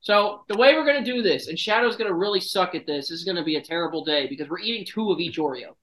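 A man hosts a loose podcast chat with friends. He is brash and profane, quick with a joke. He sounds a little queasy throughout. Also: high-pitched, expressive, a bit bright, low-quality recording. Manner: swearing, brash and joking. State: feeling sick and nauseous. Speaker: podcast host. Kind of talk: casual chat.

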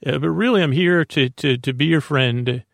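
A man hosts a sleep podcast in a creaky, slightly high voice, rambling through a monologue for bedtime. He stumbles along with halting speech, stammers, and repeated words. The recording is dry and studio-clean.

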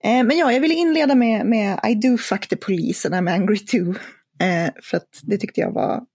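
A woman's voice: medium pitch, a little mellow, husky, dry recording, studio quality. A woman co-hosting a podcast in casual chat, talking thoughtfully and hesitantly with many fillers. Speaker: podcast co-host.

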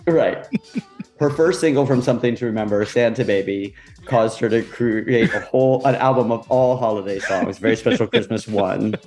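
A man co-hosting a casual podcast, trading wry jokes with quick comebacks. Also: lowish voice, a little mellow, soft background music. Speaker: podcast co-host. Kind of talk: casual chat.

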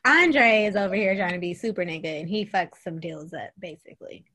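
Animated woman in her thirties recapping TV. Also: fairly low pitch, a little fast, husky. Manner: animated, laughing, profane storytelling. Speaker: podcast co-host. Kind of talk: casual chat recapping a TV show.

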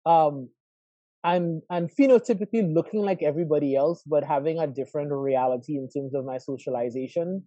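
A man's voice: fairly high pitch, brisk, mellow, no echo, lo-fi sound. A man in his forties from Trinidad and Tobago with a Trinidadian accent, a professor speaking as a guest in an interview, thoughtful and reflective, often asking "right?". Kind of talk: conversational interview over a call.

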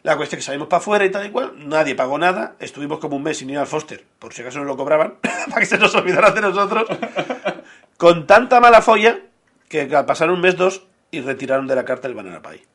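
Fast-talking man telling a rowdy story. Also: fairly high pitch. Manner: crude, animated anecdote-telling with acted quotes. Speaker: podcast co-host. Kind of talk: casual storytelling chat.

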